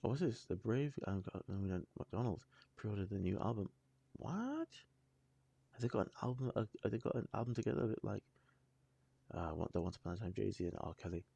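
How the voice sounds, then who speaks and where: A man with a low, dark voice and a husky edge hosts a casual reaction video. He thinks out loud in halting, rambling sentences, circling back and restarting as he goes. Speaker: music reaction channel host.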